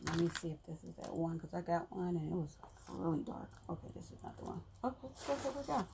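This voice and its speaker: A woman talks casually to her viewers as she demonstrates a craft project, laughing easily. Her voice has a gravelly fry to it. A faint hiss sits under the recording. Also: on the low side, expressive, fast. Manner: chatty, talks to viewers while working, laughs often. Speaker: crafter explaining her methods. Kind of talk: casual tutorial chat.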